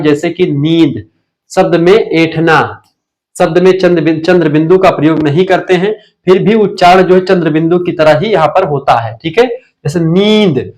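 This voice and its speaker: A man's voice: on the high side, darkish tone. A young Indian man teaching a live online revision class, asking questions and answering them himself.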